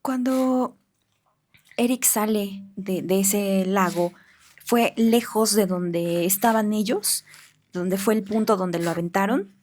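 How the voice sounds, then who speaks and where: A woman's voice: mid-range voice, slow pace, darkish tone, a little hiss or hum. A woman with a mid-range voice interviews a guest. She asks careful, probing questions and thinks aloud as she phrases them.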